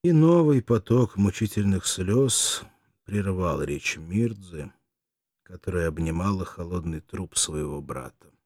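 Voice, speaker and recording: Low-voiced male audiobook narrator. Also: dark tone, no room sound, clean studio sound. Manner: slow, solemn, measured reading. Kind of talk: dramatic literary narration.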